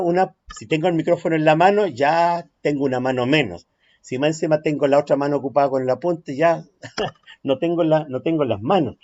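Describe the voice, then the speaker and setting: Man teaching. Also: on the high side. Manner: lively, emphatic, with pauses and "¿ya?" check-ins. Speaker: preaching workshop teacher. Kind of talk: online workshop lesson. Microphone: computer mic on a video call. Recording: dull, lo-fi sound.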